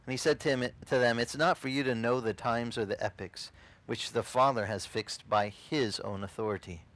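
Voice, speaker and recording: A middle-aged man, whose first language is not English, preaches an animated and casual sermon outdoors on a beach, gesturing and acting out the voices he quotes. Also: mid-range voice, normal speed, no room sound, poor audio. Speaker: pastor.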